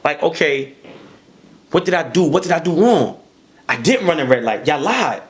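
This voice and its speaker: Heated, high-voiced man. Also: animated, normal speed. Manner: emphatic, profane, repeats words when stressed. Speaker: podcast guest. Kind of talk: heated interview talk.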